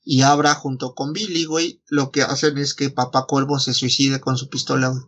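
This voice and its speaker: A man's voice: medium pitch, flat delivery, normal speed, fairly bright tone, dull audio. A Mexican man retelling a story in casual chat, slangy and foul-mouthed, acting out the dialogue as he goes. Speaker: podcast host retelling a story.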